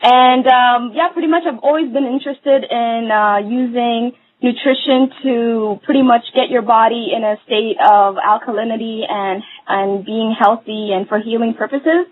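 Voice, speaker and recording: A woman's voice: fairly high pitch, fairly even intonation, normal speed, hardly any pauses. A woman from Somalia, a holistic nutritionist, guest hosting live radio for the first time and speaking hesitantly with many fillers. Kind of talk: casual live radio talk. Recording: tinny phone-like line.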